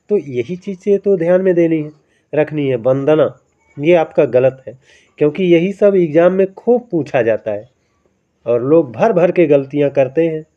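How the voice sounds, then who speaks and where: Coaxing teacher man, lo-fi sound. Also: on the high side. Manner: repetitive, coaxing, adds tag questions. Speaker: Hindi grammar teacher. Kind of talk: exam-prep lesson. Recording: dull lo-fi sound.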